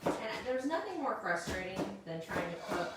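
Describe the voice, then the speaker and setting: A woman's voice: medium pitch, sing-song, moderate pace, over loud music. A woman from Missouri co-hosting a casual cooking demonstration, chatty, explaining steps and laughing often. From Missouri, United States. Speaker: cooking show co-host. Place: home kitchen. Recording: echoey kitchen, mic far off, loud kitchen noise.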